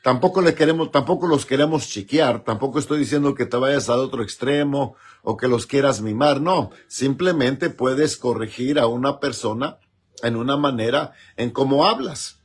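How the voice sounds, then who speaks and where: A man teaching a sermon, pausing often and checking in with his listeners. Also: medium pitch, slightly rough. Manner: slow, deliberate delivery with frequent pauses and fillers; asks listeners for agreement with repeated tag questions. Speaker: preacher.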